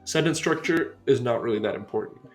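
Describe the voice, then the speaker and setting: A young American man in his twenties hosting a language-learning video, giving an upbeat scripted explainer and slowing down to stress key points. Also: medium pitch, soft background music. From United States.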